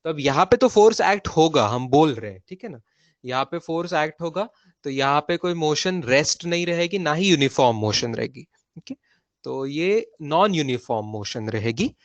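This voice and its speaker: A man's voice: on the high side, expressive, moderate pace, no room sound. A man with an Indian accent teaching a physics lesson online, repeating key phrases and checking with his students as he goes. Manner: mixes Hindi and English.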